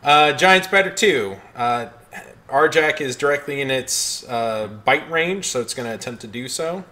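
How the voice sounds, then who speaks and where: A man's voice: medium pitch, expressive, unhurried, bright, forceful tone. A man narrating a tabletop game as dungeon master, describing the action at length, with frequent restarts. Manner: descriptive, with restarts and filler phrases.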